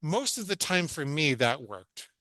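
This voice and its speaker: A man's voice: fairly high pitch, big pitch swings, a little slow, bright, forceful tone, dry recording. A middle-aged man from New York, a psychologist guesting on a podcast, telling his own story in an earnest, explaining way and often quoting his past thoughts. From New York, USA. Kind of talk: personal storytelling in a podcast interview.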